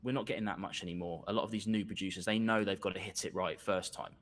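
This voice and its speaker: An Englishman appears as a guest reviewer on a video call, keeping the conversation casual and enthusiastic while often restarting, repeating words and using lots of fillers. He has a deep, slightly bright voice with fairly even intonation and talks at a quick pace.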